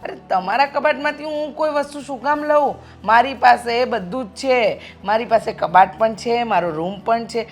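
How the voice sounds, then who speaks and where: A woman's voice: mid-range voice, moderate pace, few pauses, darkish tone, soft background music, close to an everyday voice. A woman playing a lecturing mother-in-law. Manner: reassuring, lecturing. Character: mother-in-law calmly lecturing her daughter-in-law. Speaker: actor in a web drama.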